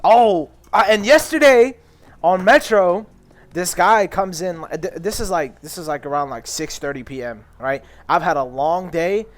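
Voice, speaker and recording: A young man with a fairly high voice tells a rambling, profane story on a casual podcast. He loudly acts out the people he quotes. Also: unhurried. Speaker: podcast co-host.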